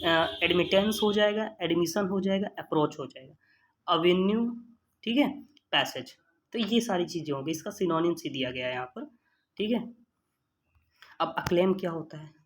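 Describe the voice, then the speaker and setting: A man's voice: sits high, a little hiss or hum. A man teaching an exam-prep vocabulary lesson. He explains patiently, spells words out letter by letter, and keeps checking in with "okay" while calling viewers his friends. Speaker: vocabulary tutor.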